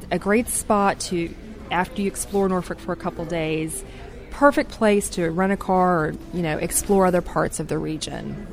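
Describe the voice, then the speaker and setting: A woman's voice: fairly low pitch, darkish tone, a little hiss or hum. A woman guest on a radio travel interview, talking enthusiastically with many fillers and restarts. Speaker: tourism representative guest.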